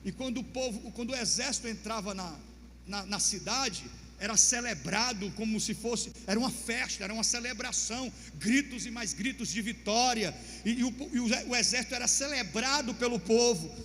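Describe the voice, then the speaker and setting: High-pitched preaching man, dramatic. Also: moderate pace. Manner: dramatic retelling with shouted quoted lines. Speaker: pastor. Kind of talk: sermon storytelling. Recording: long reverb, faint hum.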